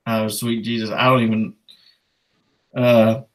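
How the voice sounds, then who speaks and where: A man's voice: fairly low pitch, flat delivery, a little slow, a little hiss or hum, rough recording. A man chatting casually on a podcast, enthusiastic and rambling, swearing freely. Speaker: podcast co-host.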